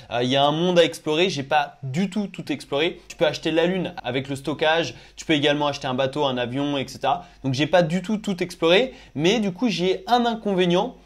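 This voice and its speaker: A young man chatting casually as he tries out crypto apps on his phone, thinking aloud with lots of fillers. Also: fairly high pitch. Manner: chatty, thinks aloud with many "euh" and "du coup". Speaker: crypto YouTuber. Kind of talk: casual screen-recorded app review.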